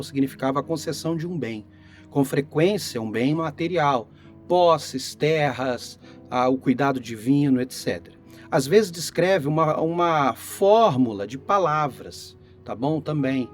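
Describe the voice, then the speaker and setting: A Brazilian man giving an informal Bible lesson as a pastor, explaining things step by step and checking in with listeners, his voice tired and giving out after a flu. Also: mid-range voice. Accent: Brazilian Portuguese. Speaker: pastor teaching Bible study. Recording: guitar music behind the voice.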